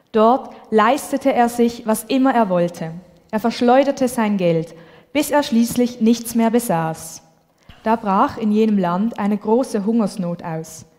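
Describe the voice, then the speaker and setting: Female reader for a Bible passage, measured and calm, a bit high, reverberant hall. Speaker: scripture reader. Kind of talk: Bible reading.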